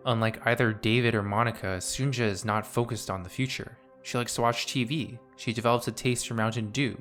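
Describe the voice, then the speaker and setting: A man in his twenties narrating a scripted video essay in a measured, analytical way. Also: medium pitch, fairly even intonation, a bit bright, faint music behind.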